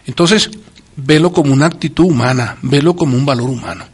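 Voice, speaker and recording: A man's voice: mid-range voice, fairly quick, breathy edge. A man speaking in a preacherly, emphatic way on a religious talk program, often repeating his key phrases for stress.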